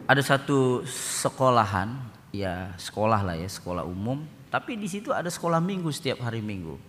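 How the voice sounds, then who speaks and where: A man preaching a sermon as pastor, telling stories and acting out the voices of the people in them, with a casual way of speaking. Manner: animated storytelling, acting out quoted voices. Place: church hall. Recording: church hall reverb with faint rumble.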